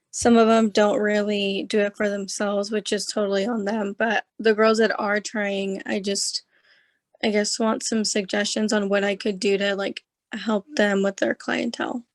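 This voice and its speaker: A woman speaks in an even, flat tone and sounds hesitant. She often stops to say "I guess" and "like". She is heard through video call audio. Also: mid-range voice, normal speed. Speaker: salon owner asking questions.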